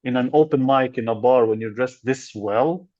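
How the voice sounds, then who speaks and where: A young man co-hosting a comedy podcast, talking in halting, rambling bits and laughing often. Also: mid-range voice, dry recording. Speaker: podcast co-host. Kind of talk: casual comedy podcast chat. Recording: dry, dull lo-fi sound.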